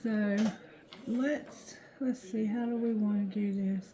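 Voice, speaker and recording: A tired, drowsy woman doing a casual card reading, with thick-tongued, slightly slurred speech and a halting, repetitive delivery. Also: medium pitch, fairly even intonation, noisy background. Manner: slow, halting, repeats phrases. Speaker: tarot reader.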